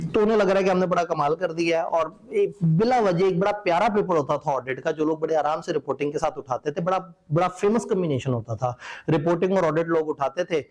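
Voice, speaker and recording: A middle-aged male teacher, explaining an exam syllabus to students. He talks in a relaxed, conversational lecture style, wry and opinionated. His voice sits a little high for a man.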